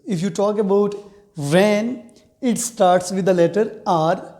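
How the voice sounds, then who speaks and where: A male teacher speaks at a strikingly unhurried pace in a mellow, soft-edged voice. He explains pronunciation rules with deliberate repetition and frequent "you know" fillers, and mixes English with Urdu-Hindi. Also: sits high. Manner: deliberate, repeats key phrases. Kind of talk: video lecture, mixing English and Urdu-Hindi.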